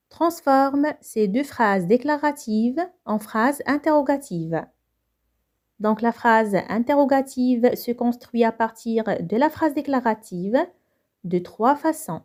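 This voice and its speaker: A woman's voice: on the high side, lively intonation, slow pace, darkish tone. A young woman with a Moroccan accent teaching a French grammar lesson, who explains each point and then repeats it in Moroccan Arabic.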